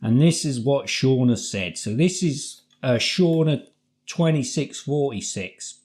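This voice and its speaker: A man's voice: mid-range voice, animated, takes it slowly, a little mellow. Middle aged british guy, chatty and informal, reviewing food on camera in his kitchen. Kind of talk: casual review chat to camera. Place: home kitchen, indoors. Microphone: camera across the table.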